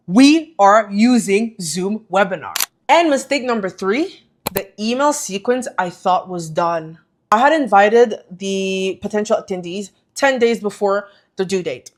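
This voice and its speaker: Woman vlogger, casual talking-head delivery, lively and self-correcting. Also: mid-range voice. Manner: chatty, self-correcting, animated. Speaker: vlogger and coaching business owner.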